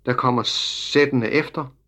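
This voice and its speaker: A man's voice: medium pitch, steady tone, pushed and bright, close to an everyday voice. A man voicing a cheeky, stubborn little farm boy in a storybook reading, with an eager, raised delivery.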